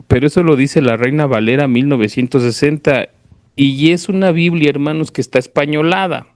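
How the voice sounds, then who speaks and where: In an informal church sermon with Bible reading, a man with a Mexican accent explains things conversationally and frequently checks that listeners follow. His voice is mid-range and a little mellow. The recording is dry, clean, and of studio quality.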